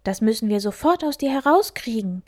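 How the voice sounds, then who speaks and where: A woman's voice: fairly high pitch, expressive, fairly quick, voice pushed up, close to an everyday voice. A woman voicing a kind, caring male fox in a storybook reading, raised above her narration. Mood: earnest. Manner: lifted, louder than the narration. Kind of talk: storybook character voice.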